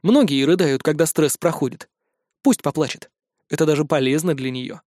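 A man narrating a fantasy adventure in first person, brisk and wry. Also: a little high, a little mellow, no echo, studio quality. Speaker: audiobook narrator.

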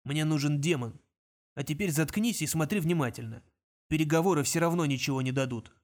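A man's voice: fairly high pitch, brisk, natural voice. A man voicing a sneering cold thug. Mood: menacing. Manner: sneering, mocking threats. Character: cruel male thug, cold and menacing. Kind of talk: audiobook character voice.

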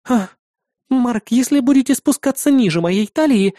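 A man's voice: extremely high pitch, animated, moderate pace, mellow, dry recording, clean studio sound, pitched above the performer's own voice. A man voicing a coy, teasing young woman.

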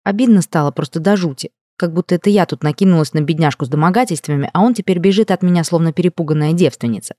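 A woman reading a first-person audiobook with expressive, emotional storytelling. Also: on the low side, fast, hardly any pauses, no echo, clean studio sound. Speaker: audiobook narrator. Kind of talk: scripted first-person narration.

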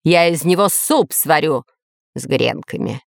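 A woman voicing a brooding, weary villain lord in a storybook reading, low and snappish. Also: animated, measured pace, gravelly, dry recording, clean studio sound, heavily acted. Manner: gloomy, snapping.

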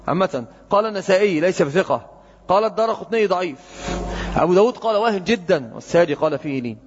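A hadith teacher with a high, husky male voice gives a classroom lecture, frequently quizzing his students with check questions. The sound is muffled and echoes around the lecture hall.

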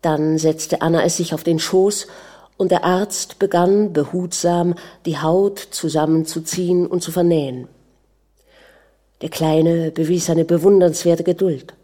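A woman narrating a literary novel aloud in a calm, measured reading. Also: lowish voice. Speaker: audiobook narrator.

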